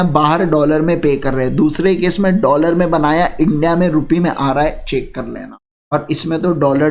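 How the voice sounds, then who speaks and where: Male tutor, fairly high voice, energetic call-and-response lecturing, slight room hiss. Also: creaky. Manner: lively, repeats phrases, urges students to answer quickly. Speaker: online exam tutor.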